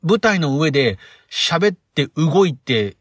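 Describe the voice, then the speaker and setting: A man hosting a casual solo podcast, talking in an animated, rambling way with lots of fillers. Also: fairly high pitch, slow, breathy edge, dry recording, clean studio sound. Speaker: podcast host.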